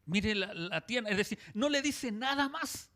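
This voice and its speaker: A Chilean man preaching a sermon as pastor, fervent and punctuated with amens, dropping soft and low when he quotes gentle words. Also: expressive, normal speed.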